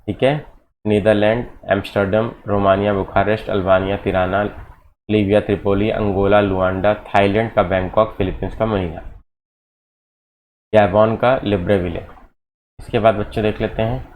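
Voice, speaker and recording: Low-voiced man drilling exam facts. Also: darkish tone. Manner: rapid list recitation with repeated "ठीक है" and "बच्चों". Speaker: exam coaching teacher. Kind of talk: exam-prep geography lecture. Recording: dull lo-fi audio with faint noise.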